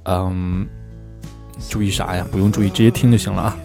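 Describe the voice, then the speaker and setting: A man teaching English pronunciation, who slows down to drill phrases again and again. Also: low-pitched, steady tone, vocal fry, over music. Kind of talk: spoken language lesson.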